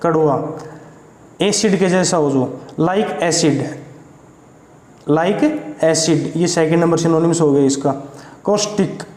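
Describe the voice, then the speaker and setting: Slow, high-voiced Indian teacher spelling words. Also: male voice, a little mellow. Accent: Indian English. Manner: corrects his own slips. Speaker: vocabulary teacher. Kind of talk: spelling-out vocabulary lesson. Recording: echoey room with long reverb.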